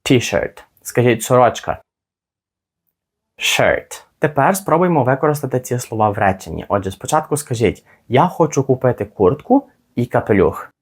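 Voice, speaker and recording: Husky-voiced male English teacher. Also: medium pitch, lively intonation. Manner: slow, careful model phrases for repeating. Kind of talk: spoken language lesson.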